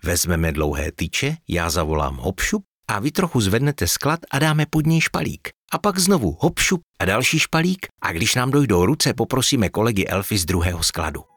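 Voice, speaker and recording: A man's voice: on the low side, sing-song, few pauses, fairly bright tone, slightly rough, no echo, studio quality, exaggerated voice. A man voicing a practical, cheerful male elf explaining a plan. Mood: confident.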